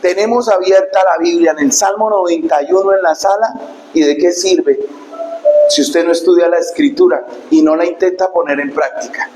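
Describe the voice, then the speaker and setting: A male pastor preaching a sermon, emphatic and dramatic, breaking into shouts. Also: high voice, steady tone, moderate pace, echoey room, music in the background, rough recording. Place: church.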